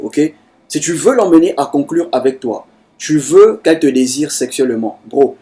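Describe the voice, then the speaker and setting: A man's voice: on the high side, warm tone. A man giving casual dating advice to other men, repeating his points and calling the listener bro. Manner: repetitive, calls the listener bro.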